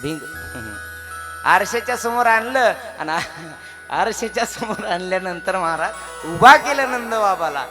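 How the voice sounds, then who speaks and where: A man from Maharashtra preaching a kirtan, telling a devotional story in a lively way, talking to his listeners and calling on them to clap. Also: sits high, takes it slowly. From Maharashtra, India. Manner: lively storytelling, addresses listeners, calls for clapping. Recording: clear music behind.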